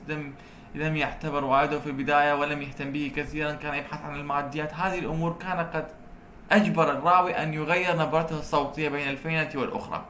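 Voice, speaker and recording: A man's voice: a little high, pushed and bright, slight background noise. Male lecturer in an echoey room. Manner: explains in Arabic, reads English points slowly, poses rhetorical questions. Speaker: university translation lecturer. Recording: roomy echo.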